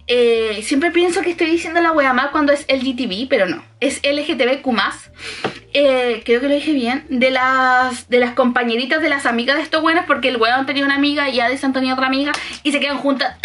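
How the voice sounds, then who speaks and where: Chilean girl rambling about a movie, high pitched, lots of slang and laughs. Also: a bit bright, a little hiss or hum. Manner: slangy, chatty, laughs often, acts out lines. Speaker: vlogger. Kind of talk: casual film review chat.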